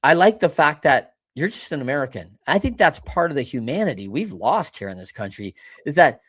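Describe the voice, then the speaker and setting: A man hosting a podcast interview, chatting casually in an animated, folksy way. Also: a little high, brisk, breathy edge. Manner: animated, folksy, talks in asides. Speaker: podcast host.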